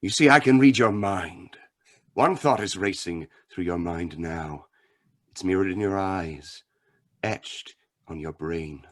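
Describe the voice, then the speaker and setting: An actor playing an unseen, all-knowing avenger in an old-time radio drama, theatrical and taunting, with deliberate dramatic pauses. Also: male voice, low-pitched. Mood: taunting, insistent. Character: unseen menacing mind-reading avenger, mocking and all-knowing.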